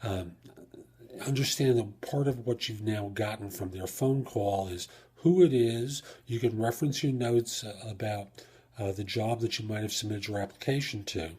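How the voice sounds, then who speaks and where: His voice is on the low side and mellow, with a breathy edge, and he talks at normal speed. The man is a job search coach hosting a career advice podcast by himself, explaining step by step and asking rhetorical questions he then answers.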